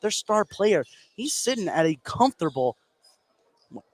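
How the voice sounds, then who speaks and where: A man with a high-pitched, sing-song voice gives live radio commentary on a basketball game, speaking a little slowly. The gym atmosphere of the live game is clearly heard behind him.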